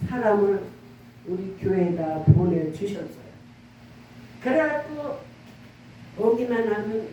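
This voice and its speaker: High-voiced woman pastor preaching in an echoey room. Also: warm tone, a little hiss or hum. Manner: earnest, conversational preaching with frequent call-and-response. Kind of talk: sermon. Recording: roomy, echoey church room from far off.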